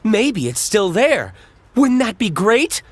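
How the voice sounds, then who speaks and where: An audiobook narrator voicing a brisk, pushy woman TV reporter hungry for a scoop. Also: medium pitch, big pitch swings, dry recording, voice pushed up. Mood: eager brisk. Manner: brisk, announcer-like. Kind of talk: audiobook character voice.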